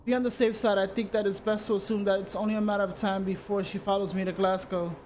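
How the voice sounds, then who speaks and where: A streamer, a man with a high voice, reads a story game aloud at an even pace, now and then tripping over a word and restarting. A faint hiss sits under his voice. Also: quick pace. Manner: steady reading with occasional slips and restarts.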